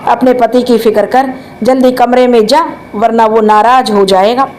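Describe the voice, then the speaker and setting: A woman's voice: on the high side, steady tone, normal speed, a little mellow, slight background noise, lightly acted, poor audio. A woman reading as a harsh, scolding old mother-in-law. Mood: angry. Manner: scornful, bossy.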